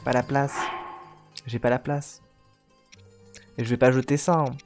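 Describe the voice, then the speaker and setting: A man's voice: mid-range voice, little pitch movement, a little slow, darkish tone. A man in his twenties giving casual, rambling, playful commentary as he hosts a video game playthrough. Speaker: let's play host. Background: game music.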